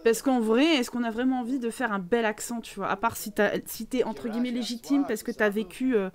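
Young French woman, fairly high voice, rambling casual streamer chatter full of fillers. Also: steady tone, fairly quick, a little mellow. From France. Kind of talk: casual live game commentary with chat.

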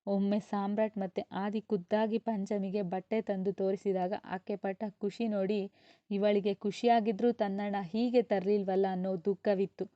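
A woman storyteller reading a serialized novel aloud in a calm, even, unhurried way. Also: medium pitch, no echo. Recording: dull, slightly lo-fi dry sound.

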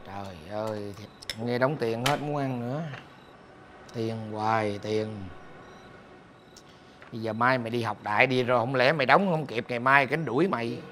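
An actor with a Southern Vietnamese accent playing a gruff, hot-tempered middle-aged father who scolds and curses loudly. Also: medium pitch, racing, few pauses, slight background noise, close to an everyday voice. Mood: grumbling. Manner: shouting, scolding and cursing. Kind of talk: film acting.

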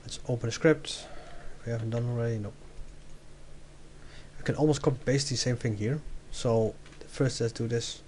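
A young man talks through a screen-recorded coding lesson at a middle pitch, thinking aloud and muttering corrections to himself as he works. A faint hiss sits under his voice from a desktop mic. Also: normal speed, darkish tone. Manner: thinks aloud, self-correcting and chatty while working. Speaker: game development tutor.

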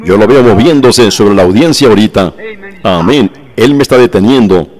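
A man voicing a translated sermon, fervent, exclaiming praise and speaking straight to his listeners, slowing down for emphatic phrases. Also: lowish voice, lively intonation, a little mellow. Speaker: preacher.

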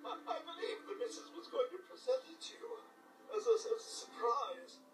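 A man's voice: extremely high pitch, wildly swooping pitch, normal speed, full character voice. An actor voicing a loyal, formal male robot butler with a robotic filter, in roomy, distant game audio with music. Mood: mournful. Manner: formal, stammering courtesy.

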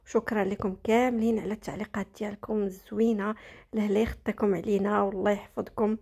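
A woman's voice: mid-range voice, level tone, fast talker, gravelly, dark tone, husky. A woman in her thirties with a Moroccan accent, chatting casually to her viewers in a daily-routine vlog. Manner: chatty, addresses viewers as girls. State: out of breath after stairs. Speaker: vlogger.

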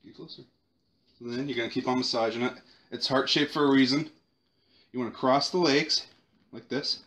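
A young man hosting a joking home cooking video, giving deadpan mock instructions in his kitchen. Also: mid-range voice, normal speed.

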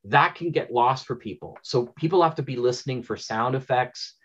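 On a dull, lo-fi video call from a small home room with bookshelves, a Canadian audio drama producer is interviewed. His medium-pitched, slightly bright voice runs at normal speed as he talks in a casual, effusive, rambling and enthusiastic way.

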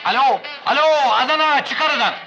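A flustered young sailor. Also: male voice, very high-pitched, normal speed, heavily acted. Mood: shouting, flustered. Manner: shouting and stammering into a bad phone line. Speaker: ship's second captain. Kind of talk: 1960s comedy film acting. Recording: dull old film soundtrack with music.

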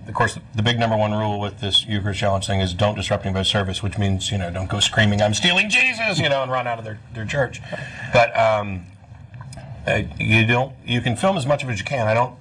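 A man co-hosting a studio talk show, joking in a deadpan way while he eats. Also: lowish voice, fast talker, slight background noise. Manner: jokey, deadpan, talks while eating. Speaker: co-host.

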